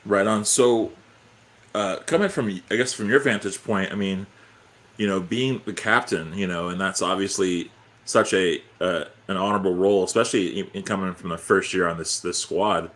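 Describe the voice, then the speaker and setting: A male host with a deep voice conducts a relaxed interview. His questions are loose and rambling, phrased informally as he goes. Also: normal speed.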